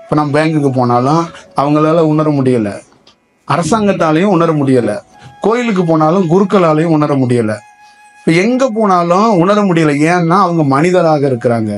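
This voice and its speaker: Spiritual teacher, male, slightly raised voice, loose rambling delivery, faint music underneath. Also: a little high. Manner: rambling, asks many rhetorical questions. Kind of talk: spiritual discourse to listeners.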